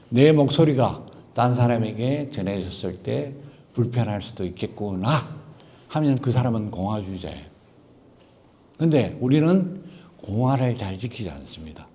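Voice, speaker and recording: Mellow-voiced Gyeongsang man giving a lecture. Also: medium pitch. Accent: Gyeongsang Korean. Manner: acts out quoted voices and poses rhetorical questions. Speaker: teacher giving a guest lecture. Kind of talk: storytelling public lecture.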